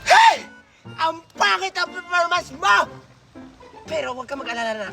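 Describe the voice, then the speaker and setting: A woman playing a bossy, scolding older woman who hands out gifts, in a shouty comedy-skit style. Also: very high-pitched, big pitch swings, moderate pace, creaky, over loud music, full character voice.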